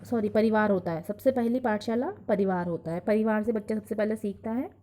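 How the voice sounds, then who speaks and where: A woman teacher giving a recorded lesson, explaining slowly and acting out examples. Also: medium pitch, dark tone, a little hiss or hum. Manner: slow, explanatory, acts out examples. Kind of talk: recorded lecture on teaching Hindi.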